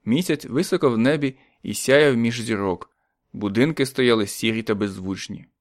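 A man narrating a story in a calm, measured audiobook reading. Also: mid-range voice, no echo, clean studio sound.

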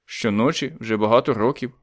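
A man voicing a quiet, lonely writer who answers politely and mildly, in an audiobook story. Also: mid-range voice, a little fast, close to an everyday voice. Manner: polite, mild, softly protesting. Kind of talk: audiobook reading.

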